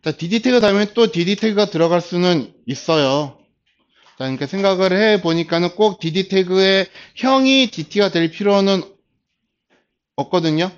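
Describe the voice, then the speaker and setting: A man in his forties teaching a class, patiently explaining step by step and starting phrases with a drawn-out filler. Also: high voice. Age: 40s. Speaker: instructor. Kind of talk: classroom lecture. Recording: dull lo-fi lecture recording.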